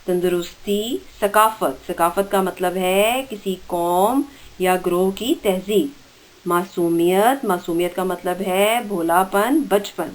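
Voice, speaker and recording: A woman teacher in an online school lesson, reading out vocabulary words one by one and explaining their meanings. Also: on the low side. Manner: reads vocabulary words then gives meanings; slow deliberate dictation pace.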